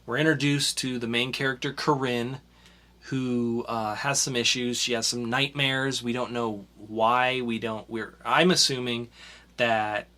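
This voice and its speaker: Chatting casually about comics, this young male podcast co-host rambles along with plenty of fillers and false starts. He has a mid-range, steady voice with a sharp edge and never seems in a hurry.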